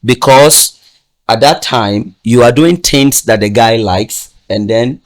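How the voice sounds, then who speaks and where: A man's voice: mid-range voice, slow. Casting: a man with a mid-range voice, emphatic and repetitive, talking casually on a podcast. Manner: emphatic, repeats "do you understand?", laughs often. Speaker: podcast speaker giving advice.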